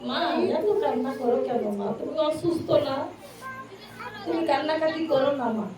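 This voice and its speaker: A woman's voice: high-pitched, normal speed, crowd noise, close to an everyday voice. A woman preacher voicing a young girl who pleads with her weeping mother in a sing-song wail. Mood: pleading. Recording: echoey, distant mic, noisy.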